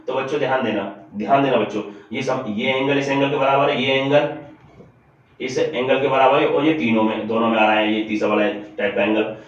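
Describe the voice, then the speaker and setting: A male math teacher explains problems step by step to his class and keeps repeating the key points. His mid-pitched voice comes from far off in a very echoey room. The recording is dull and lo-fi. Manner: repetitive, addresses students often, walks through steps aloud. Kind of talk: classroom-style lesson solving board problems.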